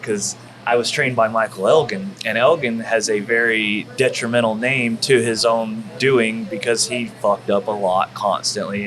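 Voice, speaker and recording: A former pro wrestler from Texas, appearing as a guest at a barbecue restaurant, tells rambling, profanity-laced stories full of fillers. His voice is medium-pitched, and the recording is rough.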